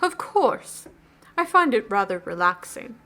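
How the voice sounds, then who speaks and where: A woman voicing a courteous, old-fashioned gothic gentleman with formal, refined speech while reading a video game aloud. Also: a little high, sing-song, measured pace, exaggerated voice. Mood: quiet pride.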